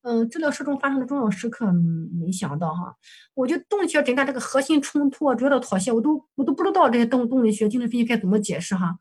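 Fast-talking husky woman counselor. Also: a little high, animated, a little mellow. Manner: hesitant, many fillers and self-corrections. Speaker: counselor presenting a case for supervision. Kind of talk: case report, recounting session dialogue.

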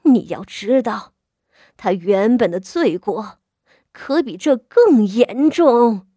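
A woman voicing an elderly, harsh matriarch who scolds slowly and coldly. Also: fairly high pitch, expressive, mellow, no echo, studio quality. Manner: slow, cold, scolding.

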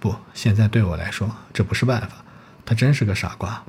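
A man's voice: lowish voice, a little fast, a little mellow, a little hiss or hum, lightly acted. Brooding poor student, read by a man. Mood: irritable. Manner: curt, grim.

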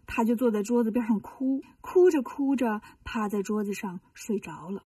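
A woman narrating a children's story in a lively, folksy way. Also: on the high side, normal speed, husky, no echo, recorded from a distance.

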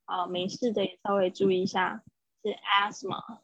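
A woman's voice: medium pitch, little pitch movement, moderate pace, a bit bright, slightly rough, dry recording, dull audio. A woman tutoring English vocabulary over a video call, patiently correcting pronunciation and encouraging her student. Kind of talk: live online vocabulary lesson.

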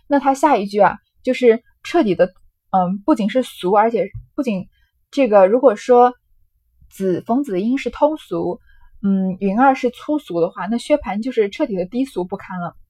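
A woman giving an unhurried lecture on classical fiction, with many fillers. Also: medium pitch, animated, mellow, breathy edge, no echo. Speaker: literature lecturer.

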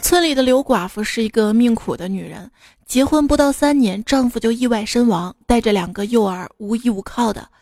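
A woman's voice: fairly high pitch, fairly quick, a little mellow, no room sound, studio quality. A woman radio host telling cold jokes in a playful storytelling manner, briefly putting on voices for her characters.

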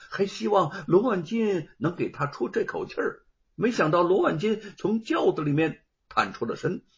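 A man telling a historical story as a storyteller, in an expressive, measured way. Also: high voice. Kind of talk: scripted storytelling narration. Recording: dull lo-fi recording.

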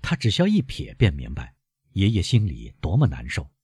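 Husky male audiobook narrator. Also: low voice, wildly swooping pitch, moderate pace, a little mellow, no echo, studio quality. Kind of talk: audiobook narration of a classic novel.

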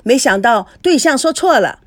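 A woman voicing a flirtatious, smooth-talking middle-aged man in a storybook reading, with a wheedling, glib manner. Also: high voice, expressive, moderate pace, a bit bright, dry recording, voice pushed up. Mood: flirty, glib.

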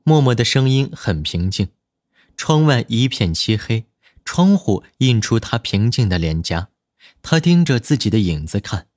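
Expressive low-voiced male narrator. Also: a little slow, no room sound, studio quality. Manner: expressive, storytelling delivery. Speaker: audiobook narrator. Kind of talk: scripted dramatic narration.

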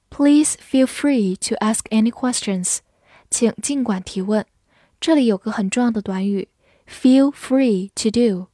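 A woman teaching English vocabulary in a slow, clear lesson, spelling each word out letter by letter. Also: mid-range voice, a little mellow, no room sound, studio quality.

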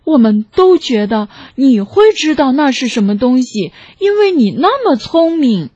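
A woman voicing an anxious, excitable little male pig in a children's story, exclaiming in a panicky way. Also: high voice, unhurried, slightly rough, no echo, lo-fi sound, exaggerated voice.

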